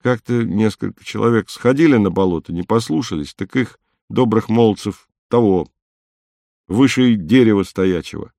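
A man reading as a calm young rover driver. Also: on the low side, normal speed, vocal fry, no room sound, studio quality. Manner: matter-of-fact, slightly apologetic.

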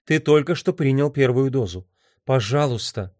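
A man voicing a calm, earnest woman missionary who pleads gently, in an audiobook reading. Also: very deep voice, normal speed, no echo, clean studio sound, voice pushed up. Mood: pleading.

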